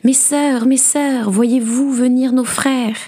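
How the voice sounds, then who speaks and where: A woman's voice: lowish voice, fairly quick, warm tone, lightly acted. A woman voicing a frightened young wife who stammers and pleads for her life in a storybook reading. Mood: pleading.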